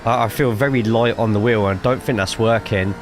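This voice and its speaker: A man's voice: fairly low pitch, a little fast, background noise. A man with a cough giving casual, chatty live commentary while streaming a sim racing game, swearing freely and reading chat aloud.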